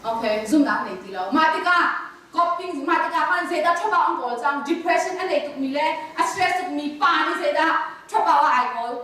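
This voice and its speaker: A woman's voice: very high voice, moderate pace, pushed and bright, slight background noise. Woman lecturing in a roomy echoing hall. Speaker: conference speaker. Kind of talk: lecture on counseling. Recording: echoey hall from far off.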